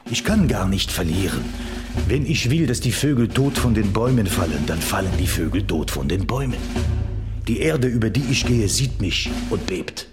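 A man playing swaggering Napoleon Bonaparte, wildly animated. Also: lowish voice, normal speed, music in the background, lightly acted. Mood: grandiose. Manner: grandiose, imperious, mocking. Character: Napoleon Bonaparte, swaggering, megalomaniac French emperor. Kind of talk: radio drama acting.

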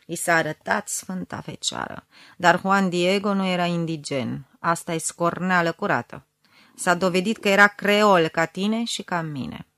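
A woman voicing a bossy, scornful old mother who scolds loudly and hisses through her teeth, in an audiobook reading. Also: medium pitch, no echo, studio quality, close to an everyday voice. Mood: scolding. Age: older.

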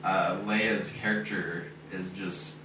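Male podcast co-host, loose rambling chat, deep voice, distant mic in a hollow, noisy room. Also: little pitch movement, takes it slowly, very echoey. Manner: loose and rambling, heavy on fillers. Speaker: podcast co-host reviewing a film. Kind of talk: casual chat.

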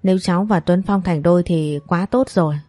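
A kindly old woman who fusses over her family, read by a woman narrator. Her low, mellow voice comes across warm and motherly. It is a dry recording with soft music underneath. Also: brisk, no echo, close to an everyday voice.

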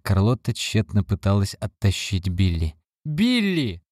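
A man narrating an audiobook in a measured, deliberate way. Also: on the low side, warm tone, no echo, clean studio sound.

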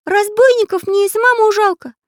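A woman voicing a cheeky, excitable magic pencil artist in a children's audiobook, in a shrill, excited manner. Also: fairly quick, dry recording, clean studio sound. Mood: indignant.

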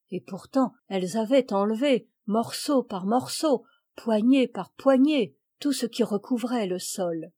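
Slow, mellow woman audiobook narrator. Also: medium pitch. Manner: measured, expressive storytelling. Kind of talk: scripted narration.

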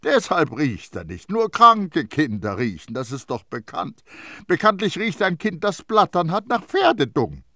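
A man voicing a fussy, pompous middle-aged priest who lectures in a high, indignant voice. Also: sing-song, unhurried, sharp tone, no echo, clean studio sound, heavily acted. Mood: shrill insistence.

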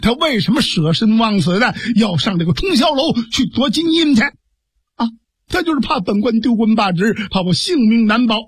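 A male storyteller voicing a weary, grieving imperial official who speaks in heavy, measured tones. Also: very high voice, sing-song, breathy edge, no room sound, clean studio sound, full character voice.

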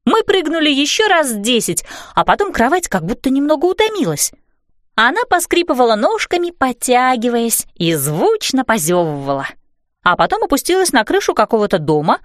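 A woman reads a children's story aloud with lively, expressive storytelling. Her voice is high and swings widely in pitch, recorded dry and close with no room sound. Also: dry recording. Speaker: audiobook narrator.

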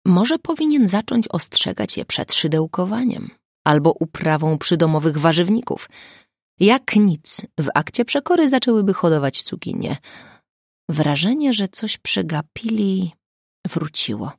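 A woman narrating an audiobook in steady scripted storytelling. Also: on the low side, a little slow, no echo, clean studio sound.

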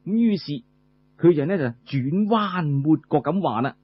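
A storyteller with a Cantonese accent tells a traditional tale in a colloquial style, delivering it phrase by phrase. His voice is fairly high, husky and expressive, and he keeps a measured pace. The recording sounds muffled and lo-fi.

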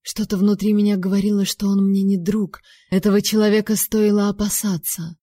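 A woman telling a story in first person as an audiobook narrator, steady and tense. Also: mid-range voice, fairly quick, no room sound, clean studio sound.

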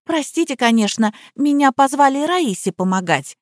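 Woman reader as a fawning young fake dimwit, high and simpering; audiobook. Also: lively intonation, moderate pace, no room sound, studio quality. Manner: fawning, apologetic.

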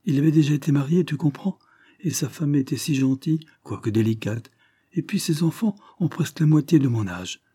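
Man putting on a chirpy young lady, high twittering voice, gushing and chatty, storybook reading. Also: mellow, breathy edge. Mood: chattering. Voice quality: twittering little voice. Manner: gushing, chatty, talks without pause. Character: chattering young woman, sister of a lord.

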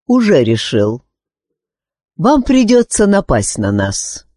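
A wise, calm male sorcerer from a storybook, played by a woman reader. He talks slowly with gentle irony, his pitch moving widely. The sound is dry and close. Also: slightly rough, no echo, exaggerated voice. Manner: calm, unhurried, gently ironic.

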